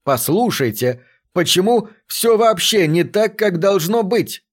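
A man's voice: high-pitched, very animated, measured pace, breathy edge, pitched above the performer's own voice, heavily acted. A man voicing a meek, bewildered work robot in an audiobook, speaking in a plaintive, aggrieved way. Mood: confiding. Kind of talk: audiobook reading of a science fiction story.

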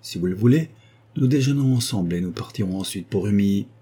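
Man voicing a calm, suave old baron. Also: on the low side, fast, husky. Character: old smooth-talking indebted male baron.

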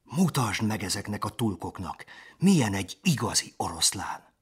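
A man's voice: on the low side, sing-song, husky, exaggerated voice. A man voicing an eager young lion cub in a storybook reading, calling out in a raised voice.

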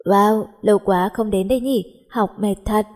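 A woman's voice: medium pitch, fairly even intonation, a little slow, a little mellow, lightly acted. A woman voicing a playful, lazy teenage schoolgirl joking with her best friend.

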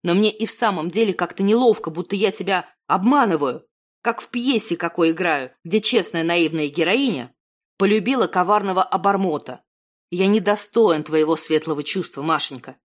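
A woman's voice: fairly low pitch, expressive, normal speed. A woman voicing a self-deprecating thirty-year-old man, a failed artist who talks himself down. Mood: self-mocking. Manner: self-deprecating, fumbling, then heated.

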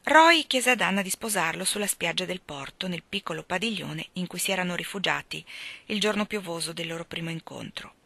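A woman reading a novel aloud in an expressive audiobook style. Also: fairly low pitch, brisk, gravelly, dry recording. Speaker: audiobook reader.

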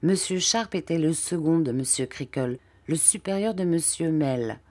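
A woman reading a classic novel aloud as an audiobook narrator, in a clear, even storytelling manner. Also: sits low, moderate pace, dry recording. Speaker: audiobook reader.

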